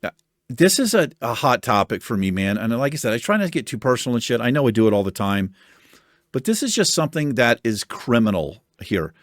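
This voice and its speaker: A US man reads viewer comments in a casual chat, animated and chatty, with a soothing mid-range voice and some casual swearing. He talks fairly quickly, and the recording is dry and studio quality.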